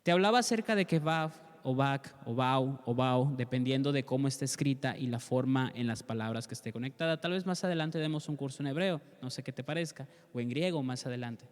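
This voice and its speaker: A man's voice: medium pitch, brisk, hardly any pauses. A man teaching a Bible class, speaking earnestly and directly to the listener, and leading a prayer. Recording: long reverb.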